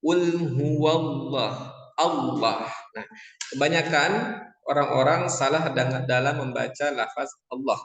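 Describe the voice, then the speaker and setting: A man's voice: mid-range voice, measured pace, vocal fry, fairly bright tone. A man teaching Quran recitation, patiently repeating syllables and chanting verses to show correct pronunciation. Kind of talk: tajwid lesson with chanted demonstrations. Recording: echoey room with long reverb.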